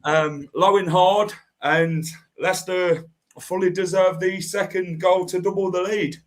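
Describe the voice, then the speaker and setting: Higher-voiced man hosting football chat. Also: fairly even intonation, unhurried. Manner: leads the talk, asks co-hosts questions. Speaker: podcast host.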